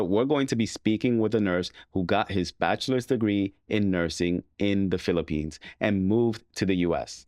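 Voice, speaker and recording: Male host, friendly and conversational, lower voice, dry sound. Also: dry recording. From Dominican Republic. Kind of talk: interview and channel intro.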